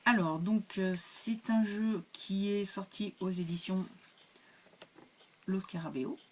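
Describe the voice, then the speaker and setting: A woman's voice: medium pitch, steady tone, takes it slowly, darkish tone, slight background noise. A woman hosting her own cartomancy channel, reviewing a card deck in casual chat, hesitant with many fillers and restarts.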